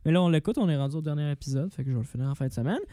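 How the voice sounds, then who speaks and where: A man with a fairly high voice and a Quebec French accent, heard close and dry. He talks as a co-host in an informal, halting, casual way. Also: dark tone, no room sound. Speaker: radio show co-host. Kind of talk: casual chat.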